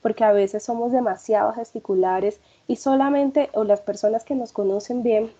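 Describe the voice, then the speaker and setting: A woman's voice: fairly high pitch, steady tone, moderate pace, warm tone, lo-fi sound. A woman leading an online workshop, talking conversationally with frequent fillers and checking questions. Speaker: workshop facilitator.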